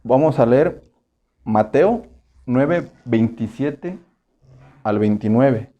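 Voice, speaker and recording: A man with a Mexican Spanish accent preaching a casual, conversational sermon. He keeps asking the congregation rhetorical questions and slips into quick acted voices. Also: mid-range voice, expressive, warm tone, lo-fi sound. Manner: acts out short voices for humor.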